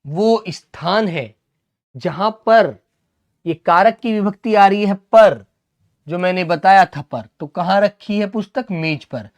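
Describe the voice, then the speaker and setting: A man's voice: high-pitched, slow. A man teaching Hindi grammar in an online exam-prep class, who asks his students questions, answers them himself, and calls them son and brother.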